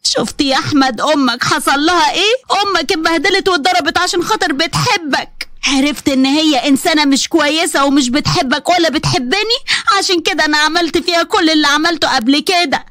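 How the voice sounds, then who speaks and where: Woman doing a gloating, scheming Egyptian mother-in-law from a storybook drama, taunting and stretching her words. The voice is high-pitched, and the sound is dry and close. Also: fast talker, fairly bright tone, no room sound. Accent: Egyptian Arabic.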